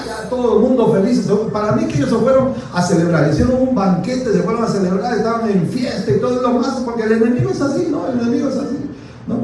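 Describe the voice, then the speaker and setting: A man's voice: high voice, dark tone, slight background noise. A man pastor preaching a sermon with emphatic repeated phrases and playful asides, heard in an echoey hall from far off.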